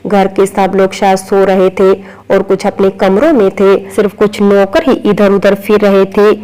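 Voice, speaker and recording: A woman narrates a serialized romance story in a steady, unhurried reading voice. Her tone is mellow and relaxed, with nothing bright or sharp in it. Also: medium pitch, poor audio.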